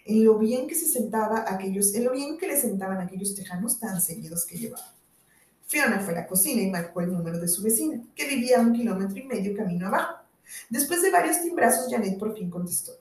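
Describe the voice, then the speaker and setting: A woman's voice: mid-range voice, expressive, fast, darkish tone. Spanish woman narrating an audiobook. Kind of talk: scripted narration. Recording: roomy audio from a distant mic.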